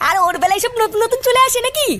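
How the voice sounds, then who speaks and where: A woman's voice: very high voice, expressive, very fast, fairly bright tone. A woman voicing a cheeky, spoiled young man in a cartoon, whiny and sulky. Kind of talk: cartoon voice acting. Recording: cartoon with background music.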